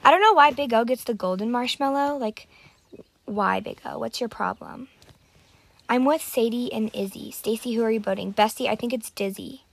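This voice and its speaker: High-voiced excitable woman gaming. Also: moderate pace, gravelly. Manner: excitable, dramatic outbursts. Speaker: gamer. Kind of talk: casual gameplay commentary.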